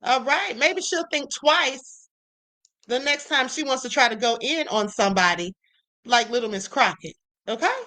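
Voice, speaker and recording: A high-voiced woman hosts a live stream. She talks in a bright, sassy way, stretching out her asides for emphasis. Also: normal speed. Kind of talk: casual commentary.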